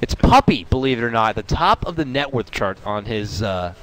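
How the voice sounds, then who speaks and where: A man's voice: mid-range voice, big pitch swings, fairly quick, a bit bright, rough recording. A man calling a video game match with playful, upbeat play-by-play. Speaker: esports commentator. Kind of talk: casual esports commentary.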